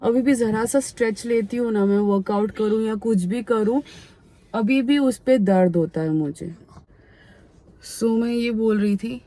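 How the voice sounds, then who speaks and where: Frank, mellow-voiced vlogger woman, unwell. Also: a little high, unhurried. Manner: frank, chatty, talks openly. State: unwell, feeling poorly. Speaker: family vlogger. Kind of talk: casual vlog chat.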